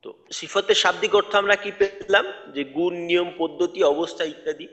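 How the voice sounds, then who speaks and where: High-voiced man teaching letter sounds. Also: fairly even intonation, brisk, fairly bright tone, long reverb tail, muffled recording. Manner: patient, repeats letter sounds to demonstrate pronunciation. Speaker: tajweed teacher. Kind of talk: recorded online lecture.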